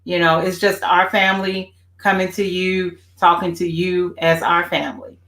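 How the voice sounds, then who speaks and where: A woman's voice: fairly low pitch, flat delivery, normal speed, a bit bright. Reflective woman in a roomy space. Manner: reflective, agreeing, with many "you know" fillers. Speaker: co-host of a family faith talk show. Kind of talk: casual conversation. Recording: roomy echo.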